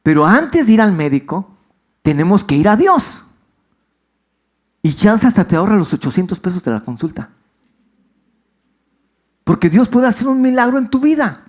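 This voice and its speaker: Speaking at a normal speed with frequent pauses, this pastor has a slightly mellow voice marked by big pitch swings. He delivers a conversational, story-driven sermon in church and asks his congregation questions.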